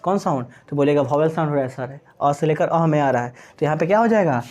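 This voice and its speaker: A slightly high, somewhat mellow male voice moves at a quick pace through an English grammar lesson given in Hindi. It is a classroom-style lecture in which he spells words letter by letter and answers his own questions.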